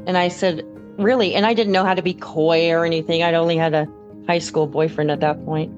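A woman's voice: sits low, steady tone, fairly quick, a little mellow. A woman interview guest telling a personal recollection in a conversational way. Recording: slightly dull audio, faint music.

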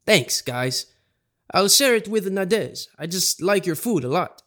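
A man's voice: high voice, animated, unhurried, a bit bright, pitched above the performer's own voice. A man voicing a polite, easily hurt friend with an Italian accent.

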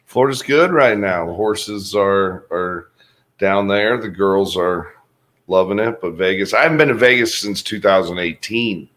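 A man's voice: fairly low pitch, measured pace, fairly bright tone. A man joking casually as a guest on a panel chat, laid back and storytelling.

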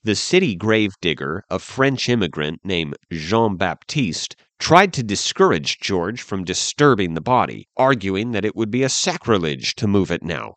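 A man narrating a dark history tale in a measured, suspenseful way. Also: sits low, big pitch swings, no room sound. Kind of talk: dramatic history storytelling. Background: faint music.

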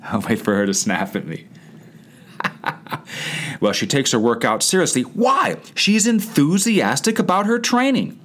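A man's voice: a little high, sing-song, measured pace, long pauses, fairly bright tone. A man coaching chiropractors in a motivational talk, emphatic and repetitive, firing off rhetorical questions.

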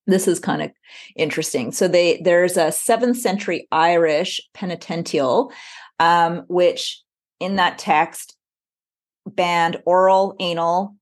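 Low-voiced woman podcast co-host. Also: slow pace. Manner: reads history notes aloud with chatty asides. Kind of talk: casual podcast chat.

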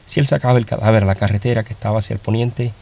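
A man reading a story aloud as narrator, in a steady, dramatic storytelling manner. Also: fairly low pitch, rapid-fire, vocal fry.

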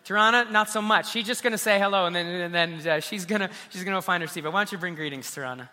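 A man's voice: sits high, quick pace, sharp tone. A man, a pastor, speaking earnestly from a church stage, often repeating words as he starts a phrase. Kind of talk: church stage talk and interview. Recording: reverberant church hall.

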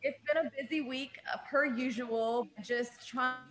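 A woman's voice: high-pitched, steady tone, unhurried, fairly bright tone, echoey room, rough recording. A woman born in Jordan, an upbeat, talkative guest speaking over a video call. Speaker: music industry guest. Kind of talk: casual interview.

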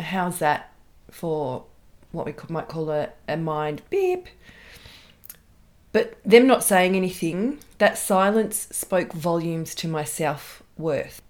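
A middle-aged Australian woman talks through her solo podcast in a fairly low voice. She is candid and chatty, and she pokes fun at herself as she goes. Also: darkish tone. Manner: candid, chatty, self-deprecating with quick laughs. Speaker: podcast host.

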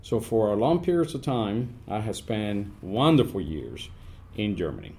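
An animated man, talking as a guest on a podcast. His voice sits fairly low, and his pace swings between quick bursts and slow stretches. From Puerto Rico. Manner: upbeat, animated, speeds up and slows down. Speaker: Army command sergeant major, guest. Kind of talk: podcast interview.

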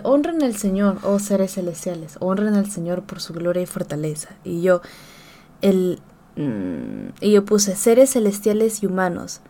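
A woman's voice: mid-range voice, warm tone. A woman co-hosting a casual chat, reading verses and sharing her own notes with easy laughter. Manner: reads verses, then shares notes, laughing easily. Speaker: podcast co-host. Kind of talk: casual Bible study chat.

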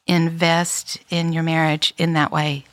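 Middle-aged woman, slightly low pitch, unhurried reflective podcast talk, dry mic. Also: flat delivery, a bit bright, dry recording. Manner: reflective, many fillers and restarts. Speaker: podcast co-host. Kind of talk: casual chat.

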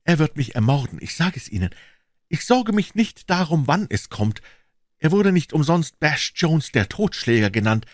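Guy doing a worried bitter old nanny lady, high strained voice, storybook. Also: very animated, moderate pace, dry recording, studio quality. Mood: bitter, grim. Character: anxious, bitter older woman, a former nanny.

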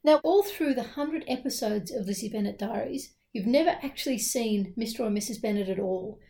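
A woman's voice: on the high side, brisk, creaky, dark tone. A woman co-hosting a book podcast, talking in a chatty, opinionated way with emphatic repeats. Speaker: podcast co-host. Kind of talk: casual book discussion.

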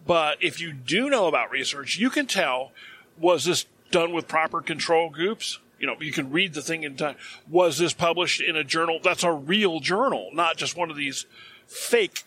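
Bright-voiced man rambling on a podcast. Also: fairly high pitch, animated, normal speed, slight background noise. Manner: rambling, self-correcting, emphatic. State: dry throat. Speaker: podcast co-host. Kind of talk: casual podcast chat.

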